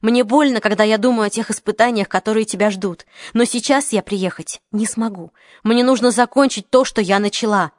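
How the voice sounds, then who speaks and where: A woman's voice: mid-range voice, fairly quick, no room sound, studio quality, natural voice. A woman reading the part of a young journalist who speaks urgently and firmly. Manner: urgent, forceful. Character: determined young journalist woman, tense and defiant.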